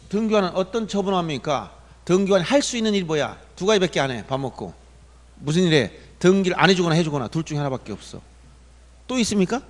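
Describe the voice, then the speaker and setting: A man lectures on law for exam students in a high voice, firing questions at the class and answering them himself. He talks with insistent, emphatic repetition. The sound carries a long reverb, as from a hall.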